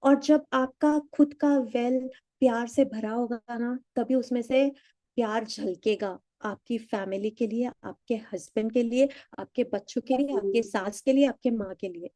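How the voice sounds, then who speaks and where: A woman's voice: a little high, unhurried, dark tone, dry recording. A middle-aged woman coaching a live online session, chatty and teasing, slipping into English and acting out the lines she quotes. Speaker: EFT and meditation coach. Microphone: video call.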